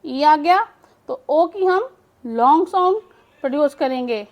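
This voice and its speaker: A woman's voice: sits high, animated, a little slow. A woman English teacher giving a phonics lesson, patiently explaining and repeating each word aloud for practice. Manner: patient explaining, mixes English words into speech.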